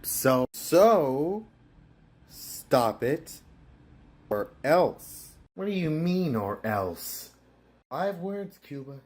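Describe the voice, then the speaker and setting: A man voicing a comedy cartoon with brash, sweary, quick-fire banter. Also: on the high side, big pitch swings, slightly rough. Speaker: animator voicing his own comedy cartoon.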